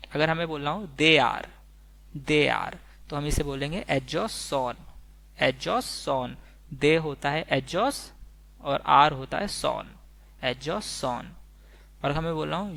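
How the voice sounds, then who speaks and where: Indian male teacher, unhurried, repeats every example, gravelly edge. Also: a little high, a bit bright. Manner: slow, repetitive, spells out each example twice. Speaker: Spanish teacher. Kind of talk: slide-based language lesson.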